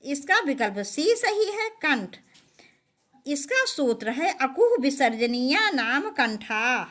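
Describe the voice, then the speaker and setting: A woman's voice: sits high, sing-song, fairly bright tone. A woman teacher reading out exam questions and their answer options, then explaining each answer. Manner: reads options slowly, then explains with stressed syllables. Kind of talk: exam quiz lesson.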